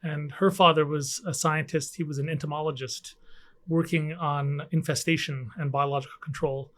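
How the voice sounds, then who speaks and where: Middle-aged guy from canada, kinda high voice, lots of ums and restarts, chatting in an office. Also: steady tone, normal speed, a bit bright. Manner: hesitant, many fillers and restarts. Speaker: guest scientist. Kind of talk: conversational interview. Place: office with air conditioning hum.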